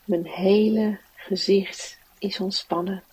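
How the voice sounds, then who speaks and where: A woman guides a relaxation exercise in a soft, soothing voice. Her tone is husky and stays level, with little rise or fall. She takes each phrase slowly. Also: medium pitch, steady tone, distant mic, poor audio. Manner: soft, slow, soothing guiding delivery. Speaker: mindfulness teacher and meditation guide.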